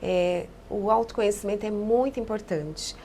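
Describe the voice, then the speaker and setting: A woman psychologist giving calm, explanatory answers in a podcast interview, often echoing key phrases. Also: mid-range voice, moderate pace, a little hiss or hum.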